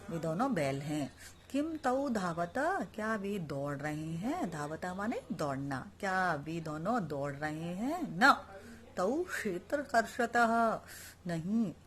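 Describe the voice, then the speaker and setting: A woman's voice: fairly low pitch, slight background noise. A woman teaching a Sanskrit lesson online, explaining each word and then repeating it, asking the class questions and answering them herself.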